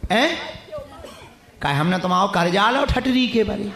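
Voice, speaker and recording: High-voiced man preaching in an echoey stadium. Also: expressive, measured pace, vocal fry, a bit bright, slight background noise. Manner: teasing, banters with the audience. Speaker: religious preacher. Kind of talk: live address to a stadium crowd. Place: packed stadium.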